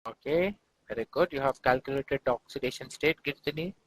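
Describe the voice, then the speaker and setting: A man's voice: medium pitch, a little fast, a bit bright, no room sound, low-quality recording. A man with an Indian accent teaching an interactive class, encouraging students with short, repeated prompts and praise. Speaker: chemistry teacher.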